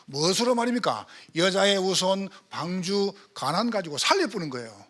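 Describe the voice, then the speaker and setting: A pastor with a Gyeongsang Korean accent delivers his sermon in the church sanctuary, peppering the congregation with rhetorical questions. His voice is high, fairly bright and very animated, moving at a moderate pace.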